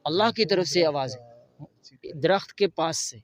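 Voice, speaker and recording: A man teaching a religious lesson. He recites Arabic verses slowly and then explains them in Urdu. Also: on the high side, dry recording. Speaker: Quran teacher.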